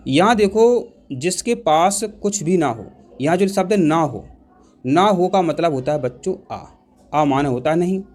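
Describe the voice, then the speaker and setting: A man's voice: fairly high pitch, animated, a little slow, a little mellow. A man teaching an exam-prep grammar lesson, repeating key points and putting questions to the class. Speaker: Hindi teacher.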